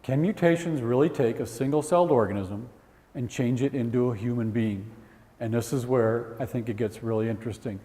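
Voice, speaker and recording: A middle-aged man giving an energetic, joking lecture to college students as a guest speaker. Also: mid-range voice, fairly quick. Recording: echoey hall with long reverb.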